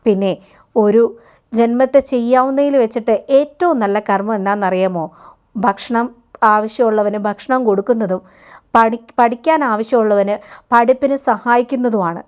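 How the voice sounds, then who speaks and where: Woman voicing a strict old teacher guy, lecturing, clear smooth voice. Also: on the high side, normal speed, a little mellow, natural voice. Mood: scolding. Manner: stern, lecturing. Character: stern older male teacher, scolding.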